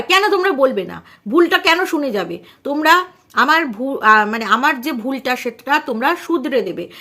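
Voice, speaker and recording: Bright high-voiced woman vlogger. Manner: chatty, teasing, switches into dialect banter. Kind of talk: casual chat to viewers.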